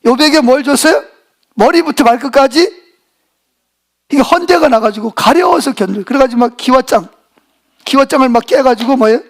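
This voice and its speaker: A man's voice: very high voice, moderate pace, pauses often. A male pastor preaching a sermon, retelling a scripture story and quizzing the congregation with rhetorical questions.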